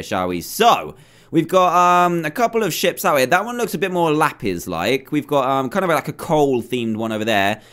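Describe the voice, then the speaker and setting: Excitable gamer, lively pitch. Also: male voice. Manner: excitable, animated, jumpy exclamations. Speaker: gaming video host. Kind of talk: playing a video game with live commentary.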